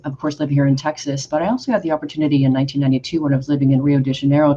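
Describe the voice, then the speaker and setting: With a deep, mellow, slightly rough voice, an Oregon woman in her fifties hosts an interview podcast and gushes through her questions. The audio sounds a bit dull and carries faint background noise.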